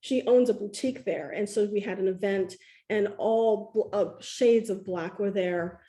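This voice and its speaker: A woman's voice: mid-range voice, steady tone, normal speed, warm tone. A woman telling her story over a video call in an effusive, emotional way, with many fillers. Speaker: guest sharing her story. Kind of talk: casual video-call chat.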